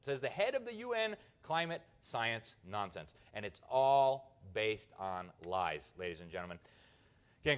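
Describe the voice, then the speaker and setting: A man's voice: medium pitch, a bit bright. A man from the United States giving a conference speech, with mocking, sarcastic asides. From United States (Miami). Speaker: journalist giving a conference talk.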